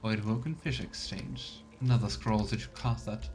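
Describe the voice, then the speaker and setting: A man streams a fantasy role-playing game with casual let's play commentary, thinking aloud and murmuring to himself over game music. His voice is fairly low and a little mellow, at normal speed.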